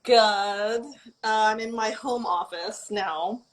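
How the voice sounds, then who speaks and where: A woman's voice: mid-range voice, takes it slowly. A woman co-hosting a casual livestream chat from her home office over a video call, giving brief, upbeat replies. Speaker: co-host. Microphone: video call on a live stream.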